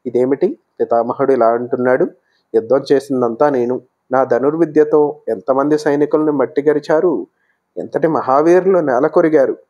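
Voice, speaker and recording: A man voicing a proud, quick-tempered young warrior prince who speaks with indignation. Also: mid-range voice, warm tone, highs cut off, natural voice. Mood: indignant. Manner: indignant, then pleading.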